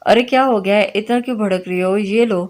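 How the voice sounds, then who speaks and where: A woman's voice: medium pitch, brisk, a little mellow, lightly acted. A woman voicing a bold, defiant young heroine who speaks with confident teasing.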